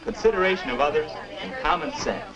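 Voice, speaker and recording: Over music and a crowd in the background, a man in his twenties with a slightly high voice speaks quickly and animatedly, lightly acted. This American actor plays a patient, upbeat 21-year-old older self teaching a boy, instructive, encouraging and neatly spoken, in the manner of a 1950s educational film with a noisy old soundtrack.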